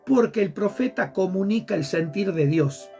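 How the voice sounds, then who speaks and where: A man's voice: high voice, lively intonation, normal speed, vocal fry, darkish tone, faint music behind. A man who is a pastor, preaching fervently with a repetitive sermon cadence. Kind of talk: impassioned preaching on a program.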